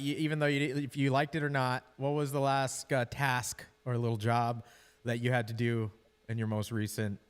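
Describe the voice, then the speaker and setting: A man's voice: medium pitch, smooth. Laid-back man with a reverb-heavy room mic. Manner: laid-back, loose and joking. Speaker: host. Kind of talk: casual call-in interview test.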